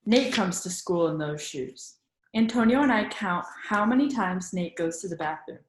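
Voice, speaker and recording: A medium-pitched woman with lively intonation reads a picture book aloud to children in an instructive manner, pausing for questions that invite them to think along. The audio is reverberant and rough, with a bit of hiss or hum.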